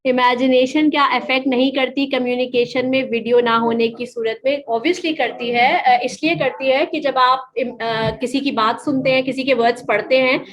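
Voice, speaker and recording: A woman's voice: high-pitched, fairly even intonation, normal speed, few pauses, rough recording. A woman giving a classroom lecture in Hindi mixed with English, asking her students questions and answering them.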